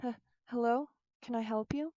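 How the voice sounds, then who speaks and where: A woman's voice: fairly high pitch, moderate pace, mellow, no room sound, dull audio, lightly acted. A woman voicing a curious, lonely eleven-year-old girl who lives at a funeral home, talking eagerly with a slight stammer. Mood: nervous.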